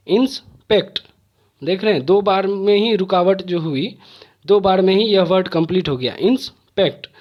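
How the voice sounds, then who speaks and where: A man's voice: high voice, muffled recording. A man teaching an exam-prep lesson, patiently repeating his points and sounding words out syllable by syllable. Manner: spells words out slowly, syllable by syllable.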